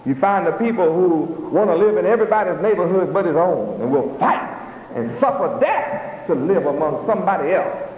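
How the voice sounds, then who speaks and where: A man preaching a fiery sermon to a gathered audience, pressing his points with rhetorical questions and bursts of shouting. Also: sits high, expressive, moderate pace. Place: hall with a live audience. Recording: echoey hall, dull lo-fi, noisy.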